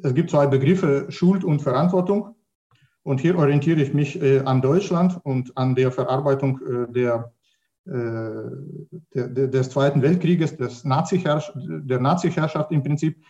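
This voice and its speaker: A man's voice: medium pitch, unhurried, dark tone, dull audio. A middle-aged native Russian speaker, a man with a Russian accent, speaking spontaneously on a discussion panel and searching for words with repeated starts. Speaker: academic panelist.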